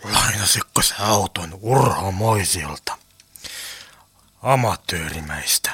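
Radio-play crook, gruff and sulky, voiced by a man; pushed well below his own pitch, grumbling and suspicious. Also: lively intonation, bright, forceful tone, exaggerated voice. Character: gruff male small-time crook, dim and grumpy. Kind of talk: amateur comic radio play acting.

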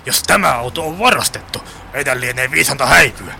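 Radio-play crook, gruff and sulky, voiced by a man; pushed well below his own pitch, grumbling and suspicious. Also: animated, bright, forceful tone, a little hiss or hum, exaggerated voice. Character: gruff male small-time crook, dim and grumpy. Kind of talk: amateur comic radio play acting.

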